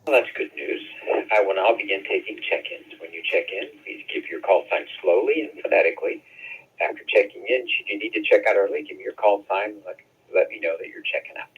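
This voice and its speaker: A man running an amateur radio net, reading the script haltingly with fillers and self-corrections, heard over a two-way radio with static. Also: fairly low pitch, slightly rough. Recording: narrow-band radio transmission.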